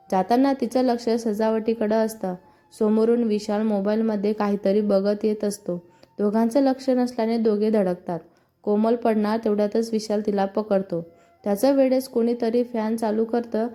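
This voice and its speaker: A woman with a Marathi accent reading a scripted story aloud, voicing all the characters' lines in her own even narrating voice. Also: on the high side, normal speed, soft background music. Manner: reads all parts in one even narrating voice.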